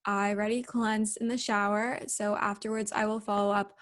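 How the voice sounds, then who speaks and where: A woman's voice: mid-range voice, level tone, normal speed, a bit bright. A woman casually narrating her daily routine like a lifestyle vlogger, chatty and explanatory.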